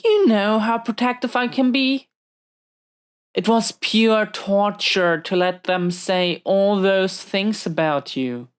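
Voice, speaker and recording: She plays a supervillain in prison, protective and hot-tempered but tender, speaking slowly in a smooth, natural mid-range voice. Her words to an unseen listener in this intimate roleplay are defensive and hesitant, with an irritated mood.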